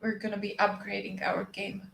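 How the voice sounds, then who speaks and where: A woman's voice: medium pitch, completely flat delivery, brisk, gravelly, a crowd in the background. Playful teasing woman in a roomy space. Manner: playful, teasing, stumbles over words. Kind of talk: casual chat.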